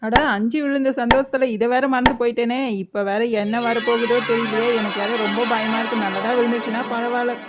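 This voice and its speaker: A woman's voice: fairly high pitch, steady tone, fairly quick, hardly any pauses, over loud music, natural voice. A woman voicing a nervous young male doll who worries and frightens easily, in a doll story. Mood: fretful. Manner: fretful, worried.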